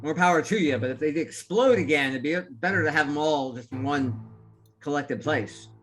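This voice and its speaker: An excitable man playing a tabletop game with friends. His voice sits a little high, and soft music plays underneath. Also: moderate pace. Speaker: player. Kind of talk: casual tabletop game play.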